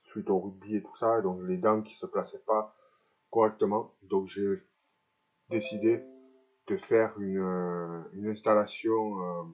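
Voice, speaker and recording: A man talks haltingly in a personal vlog, his speech slightly impeded by dental braces. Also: lowish voice, fairly even intonation, dull audio. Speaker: vlogger. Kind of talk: personal vlog confession to camera.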